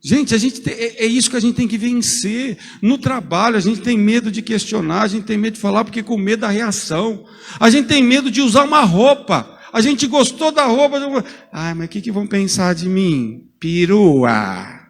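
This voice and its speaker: A man preaching a sermon as a pastor, lively and joking, calling on people in the congregation by name. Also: very high-pitched, brisk, creaky, in a large hall.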